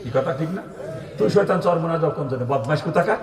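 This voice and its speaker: A man preaching an open-air sermon, thundering and mocking, often shouting rhetorical questions at the crowd. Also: a little high, animated, fast. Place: outdoor gathering. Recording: echoey distant PA sound.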